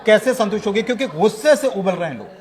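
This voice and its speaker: A man analysing news in a studio discussion, emphatic and explanatory, often pausing to hesitate. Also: high-pitched, expressive, darkish tone, a faint crowd.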